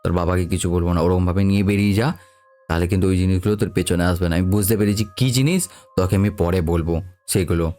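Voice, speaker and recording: A man doing a gruff older shopkeeper uncle. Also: low-pitched, fairly even intonation, very fast, pitched below the performer's own voice, close to an everyday voice. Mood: instructing. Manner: scolding, blunt, later gently instructing.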